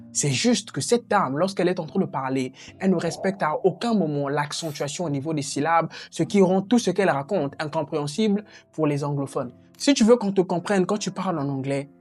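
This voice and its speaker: Woman, very low voice, English teacher, direct and encouraging, faint music under. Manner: direct, encouraging, addresses viewer as tu. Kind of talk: online English lesson.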